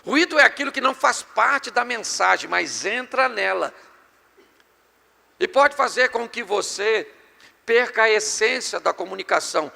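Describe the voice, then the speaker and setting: A middle-aged Brazilian pastor preaching an animated, joking sermon to a live congregation. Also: male voice, high voice, creaky. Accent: Brazilian Portuguese. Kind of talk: sermon on marriage and communication. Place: church hall before a live congregation. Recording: long hall reverb.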